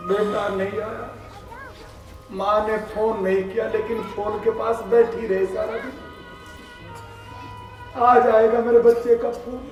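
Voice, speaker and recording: A man telling an emotional devotional story as a sermon, dramatic and swinging between soft pleading and shouting. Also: high-pitched, level tone, takes it slowly, long pauses. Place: large echoing religious gathering, live. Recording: echoey hall from far off, music behind.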